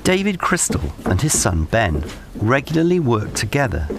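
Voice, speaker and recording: A man's voice: mid-range voice, very animated, moderate pace, creaky, noisy background. A man reading scripted documentary narration.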